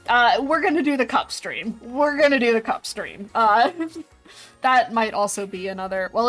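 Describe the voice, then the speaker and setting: A woman's voice: medium pitch, fairly bright tone. A woman in her twenties chatting casually with her stream viewers while drawing, reading their messages aloud and laughing often. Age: 20s. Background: faint background music.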